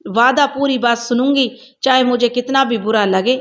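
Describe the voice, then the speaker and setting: A woman's voice: on the high side, normal speed, natural voice. A woman voicing a shy young woman in love.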